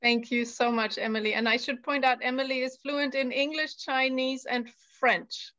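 A woman's voice: sits high, steady tone, normal speed, fairly bright tone, no echo, highs cut off. A woman from Germany hosting a live video call as a tour guide, friendly and with frequent fillers. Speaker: UN tour guide, session host. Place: home room, indoors. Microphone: laptop video call.

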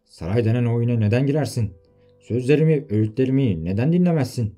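A man voicing a gruff old veteran soldier who talks to his son sternly. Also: lowish voice, fairly even intonation, brisk, dark tone, faint music behind. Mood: scolding. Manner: stern, scolding.

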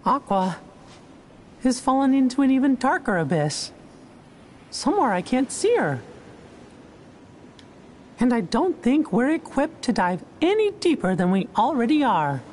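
A man voicing a small, gentle, earnest heroic cartoon mouse in a squeaky falsetto for a video game cutscene. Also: big pitch swings, a little slow, pauses often, a little hiss or hum, full character voice. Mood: worried.

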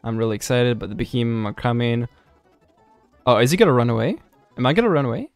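A man's voice: mid-range voice, fast, clean tone, dry recording, faint music behind. A young man hosting a let's play, chatting casually and jokily over the game and reading its lines aloud. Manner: animated, jokey, reads game lines aloud. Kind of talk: casual gameplay commentary.

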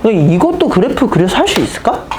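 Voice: medium pitch, sing-song, fast talker, noisy background. A math teacher in their thirties giving a casual classroom lecture, blunt and teasing with the students.

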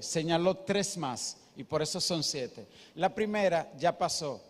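A man's voice: sits high, a little mellow. A male pastor, preaching emphatically and asking the congregation questions. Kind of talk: sermon. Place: church. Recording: echoey church hall.

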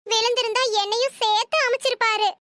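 A woman's voice: very high voice, fairly even intonation, quick pace, fairly bright tone, slight background noise. A woman voicing a sly young daughter-in-law in a comic cartoon, talking in a whiny, dramatic, wailing way.

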